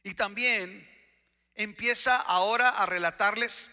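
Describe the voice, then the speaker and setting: A man preaching a sermon as pastor, slow and deliberate, with emphatic questions. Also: high-pitched, sharp tone, in a large hall.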